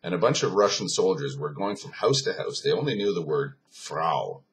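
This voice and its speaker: Deep gravelly man telling a story. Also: animated, moderate pace, fairly bright tone. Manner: rambling, emphatic storytelling with many fillers. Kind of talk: informal philosophy talk.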